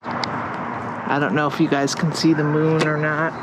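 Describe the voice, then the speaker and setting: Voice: medium pitch, level tone, measured pace, very noisy. A person chatting casually outdoors at night during an amateur recording. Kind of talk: casual chat.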